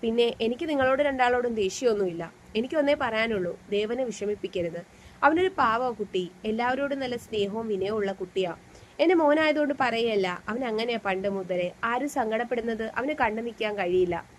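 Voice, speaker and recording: A woman voicing a gentle, protective older mother. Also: fairly high pitch, a little fast, a little hiss or hum, close to an everyday voice.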